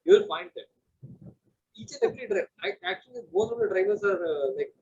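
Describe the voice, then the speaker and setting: A man with a high, gravelly voice talks quickly about a race, his pitch swooping widely as he gets animated. The audio is dull and lo-fi. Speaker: podcast co-host. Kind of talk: casual race review chat.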